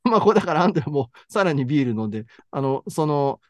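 Kansai man, podcast co-host, lively swinging delivery, dry close mic. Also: a little high, fast, no echo. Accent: Kansai Japanese. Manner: animated storyteller, reads passages aloud. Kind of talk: casual book chat.

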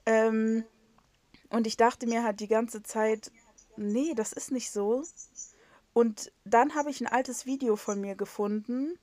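In a video-call recording with no echo, a young podcast co-host from North Rhine-Westphalia, Germany, chats casually, rambling and teasing herself amid many fillers and false starts. She speaks slowly in a higher, a little mellow voice with fairly even intonation.

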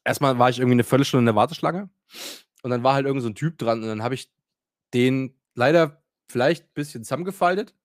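A man's voice: medium pitch, fast, dry recording, clean studio sound. A man telling a story in casual chat, ranting animatedly, acting out quotes and swearing casually. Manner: animated, rants and acts out quotes; swears casually, many fillers.

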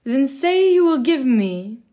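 A sly, hobbling little storybook dwarf, put on by a woman reading aloud, his voice pitched high and strangely pinched. He stretches his words into a slow, wheedling sing-song as he haggles. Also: sing-song, warm tone, exaggerated voice. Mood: bargaining.

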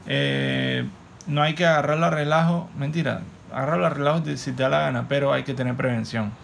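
A man's voice: medium pitch, steady tone, fairly quick, gravelly, fairly bright tone, a little hiss or hum. A man with a Panamanian Spanish accent hosting a podcast in a casual, playful, slangy way. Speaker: podcast host; stand-up comedian.

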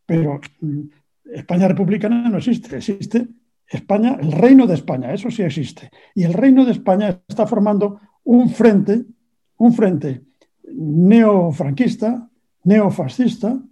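Older Spanish man, husky and dark. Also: high voice, expressive. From Spain. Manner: deliberate and argumentative, pausing on fillers. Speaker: retired navy captain, guest. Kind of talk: radio interview answer. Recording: dull lo-fi recording.

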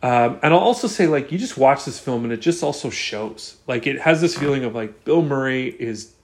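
Brief: male podcast host, mid-pitched, loose rambling film chat. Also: expressive, moderate pace. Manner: rambling, many restarts and fillers.

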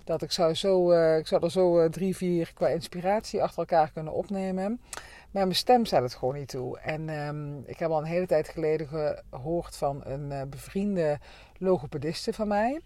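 A middle-aged woman with a slightly hoarse voice, hosting a casual solo podcast from a parked car, chatty and full of filler sounds. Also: sits low, moderate pace, mellow, dry recording. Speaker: podcast host.

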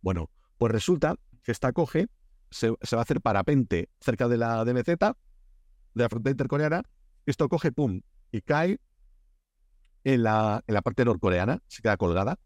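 A man from Spain with a Spanish accent and a mid-range voice speaks at an ordinary pace on a dry recording. He's a guest Korea expert in a casual podcast interview, telling stories with animation and plenty of fillers and restarts.

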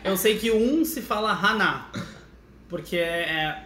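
A man's voice: sits high, measured pace, sharp tone, slight background noise. Guy rambling thru stories on a podcast, laughs a lot, kinda echoey room. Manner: chatty storyteller, laughs often, restarts mid-sentence. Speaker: podcast guest. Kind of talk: casual chat.

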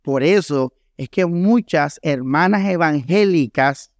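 A male pastor delivers an emphatic sermon with a Colombian Caribbean Spanish accent, often turning to ask his listeners questions. His voice sits somewhat high and sounds smooth and clear. The recording is close and dry, with very little room sound. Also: slow, no echo. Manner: emphatic preaching with rhetorical questions to the congregation. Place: church hall.

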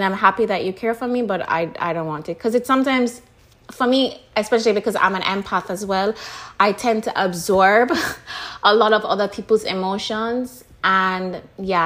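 A woman hosting a solo podcast, talking through personal reflections in a candid, chatty way, full of "like" and "you know" and quick laughs. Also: medium pitch, fairly bright tone. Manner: casual and chatty, many fillers like "like" and "you know"; candid, laughs now and then. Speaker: podcast host.

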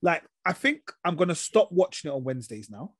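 A man's voice: on the high side, big pitch swings, brisk, fairly bright tone, dry recording. London man, slangy roadman talk, dry close sound. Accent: London, urban street slang. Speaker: podcast host. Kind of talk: casual TV review chat.

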